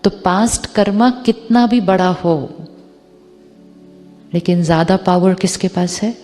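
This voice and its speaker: A woman spiritual teacher giving a talk to an audience, mixing Hindi and English, slowing down on the English phrases and asking rhetorical questions. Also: on the low side, a little mellow, long reverb tail.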